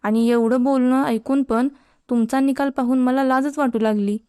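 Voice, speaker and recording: A woman's voice: high voice, steady tone, moderate pace, dark tone, smooth, no room sound, clean studio sound, pitched above the performer's own voice, close to an everyday voice. A woman voicing a stern but kind middle-aged male math teacher, scolding his students.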